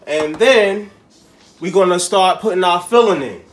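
Unhurried and high-pitched, he speaks casually to viewers on his home cooking show. He keeps up slangy, friendly chatter while filling potatoes.

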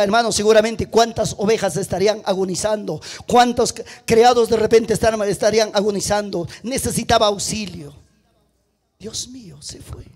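A man preaching a sermon, telling a story dramatically and swinging between loud and hushed. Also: sits high. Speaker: pastor.

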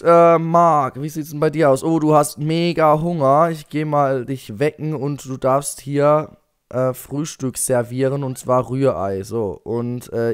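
A young man talks through his game session as a casual Let's Play, speaking to the characters as though they could hear him. His pace is slow and unhurried. His voice comes through smooth and clear. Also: medium pitch. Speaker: gaming YouTuber.

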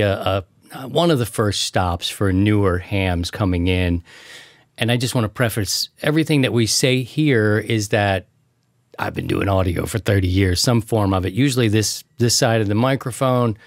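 Middle-aged host, dry close sound. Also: male voice, on the low side, dry recording. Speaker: show host. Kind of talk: casual panel hosting. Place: home studio, indoors, video call.

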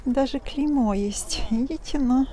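A woman vlogging as she browses an outdoor flea market, musing slowly and often half-whispering to the camera. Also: sits high, dark tone. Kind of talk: casual narration while shopping. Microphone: handheld phone camera. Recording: outdoor market crowd noise. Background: crowd chatter.

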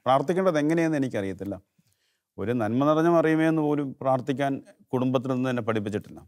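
A middle-aged man from Kerala tells his story of faith to an interviewer. He speaks earnestly in a mid-range voice, often breaking off and restarting. At the most moving points his voice drops low and quiet. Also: lively intonation. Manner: earnest, halting, voice drops low when moved. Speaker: interview guest giving testimony. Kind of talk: emotional personal testimony.

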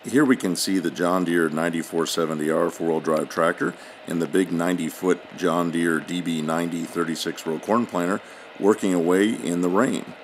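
Low voiced guy doing voice-over, calm explainer, engines rumbling in the background. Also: normal speed, a little hiss or hum. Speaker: channel narrator. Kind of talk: scripted voice-over narration.

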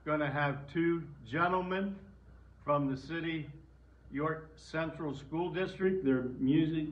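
A man's voice: fairly high pitch, takes it slowly, muffled recording, slight background noise. An older man, speaking informally to an audience as the whistle player, plain and folksy with restarts, in an indoor room.

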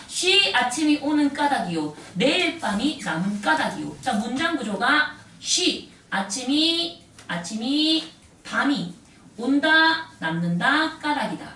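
A high-pitched woman teacher lectures her students in a very animated, swooping voice. She is picked up from a distance in an echoey classroom, with a faint hum of ambient noise under her. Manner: animated, addresses students directly. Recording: echoey room, mic at a distance.

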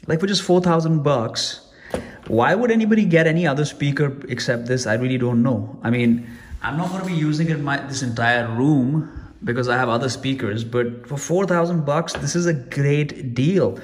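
A man's voice: medium pitch, moderate pace. A man giving a casual, rambling product review at home, chatty and full of restarts. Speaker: tech reviewer. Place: room at home.

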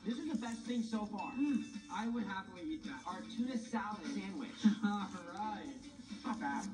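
A woman hosting a casual food challenge vlog, tasting things with playful, animated reactions. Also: medium pitch, normal speed, far from the mic, over music. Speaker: host. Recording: echoey room, away from the mic.

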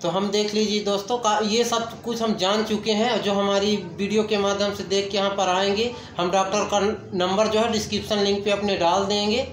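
A man's voice: high-pitched, level tone, moderate pace, few pauses. A man in his thirties filming a casual selfie vlog on a phone at arm's length, chatting and interviewing someone in a small clinic office. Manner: chatty, repeats "जी" to agree. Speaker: vlogger. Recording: echoey room with clear background noise.

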